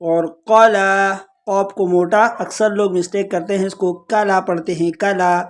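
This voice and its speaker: A Quran recitation teacher, explaining pronunciation step by step and slowly drawing out each example word. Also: mid-range voice, steady tone. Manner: slow, drawn-out recitation of examples between explanations.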